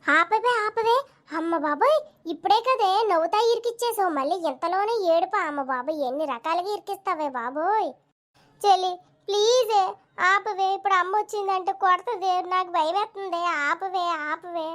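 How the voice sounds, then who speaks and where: A woman's voice: very high-pitched, fairly bright tone. A woman voicing a young cartoon schoolboy, an elder brother who whines, complains and panics easily. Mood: panicked. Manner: whiny, complaining, quick to panic. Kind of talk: cartoon voice dubbing.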